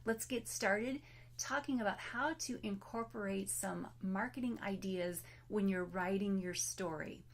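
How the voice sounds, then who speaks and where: Speaking a little slowly in a mid-range voice, a woman author delivers a casual recorded presentation as her voice gives out. She stays chatty and self-deprecating, though some words slip out breathy and whispered.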